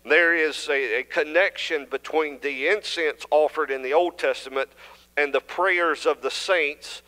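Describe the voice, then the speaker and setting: A man's voice: a little high, fairly even intonation, measured pace, sharp tone. A young man with a Southern US accent preaching an earnest sermon from a church pulpit, building in intensity and often restarting his phrases. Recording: church hall reverb.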